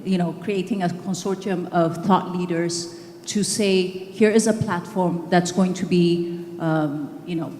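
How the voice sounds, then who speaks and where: On a conference hall stage, a middle-aged Ethiopian woman who organizes games speaks earnestly into a handheld mic during a panel discussion, often using fillers and restarting her sentences. Her voice is fairly low and mellow, with a little hiss or hum. The hall is echoey and has faint ambience.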